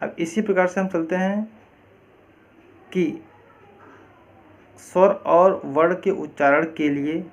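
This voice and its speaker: A man's voice: high voice, slow, pauses often. A male teacher-training lecturer who gives a classroom lecture, explains step by step, repeats his points and asks rhetorical questions. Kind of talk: classroom lecture on Hindi reading.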